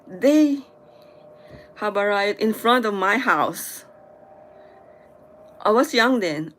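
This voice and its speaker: A young Filipina with a mid-range voice chats casually, speaking haltingly and frequently pausing to hunt for words or correct herself.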